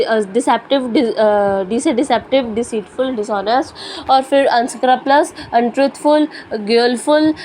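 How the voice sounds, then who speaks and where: High-voiced woman teacher drilling words. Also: a little hiss or hum. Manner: repetitive drilling, mixing Hindi and English. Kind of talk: vocabulary lesson.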